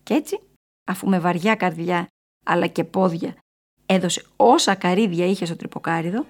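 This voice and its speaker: A woman narrating a storybook in a lively, expressive way. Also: lowish voice.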